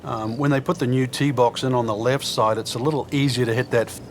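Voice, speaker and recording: A man's voice: mid-range voice, fairly even intonation, fast talker, natural voice. A man playing a seasoned golf color analyst in a video game, explaining things conversationally. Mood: explanatory. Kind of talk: video game sports commentary. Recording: crowd and outdoor noise behind. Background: crowd ambience, outdoor noise.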